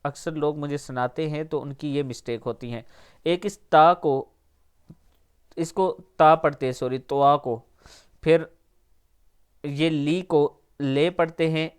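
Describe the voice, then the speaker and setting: A man teaching recitation word by word, drawing out each syllable slowly and then explaining mistakes quickly. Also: on the high side, smooth.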